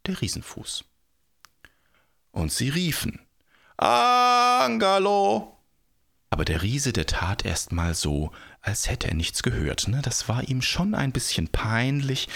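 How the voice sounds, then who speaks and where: A man telling a fairy tale in a gentle, chatty way, adding little tag questions. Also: fairly low pitch. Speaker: storyteller. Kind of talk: freely told fairy tale narration.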